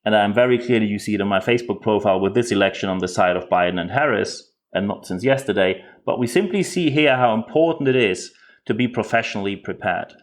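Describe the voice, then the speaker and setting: A podcast host with a German accent, speaking English as a second language, gives direct, earnest commentary and often repeats words. His voice is on the low side, and he talks at a quick pace.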